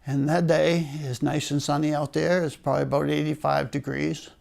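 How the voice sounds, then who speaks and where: Interviewed for an oral history, this retired Maine paper mill worker recounts his working years with dry, low-key humour and the odd chuckle. The older man's Maine-accented voice is fairly high and darkish, level in tone, at a normal pace, with vocal fry.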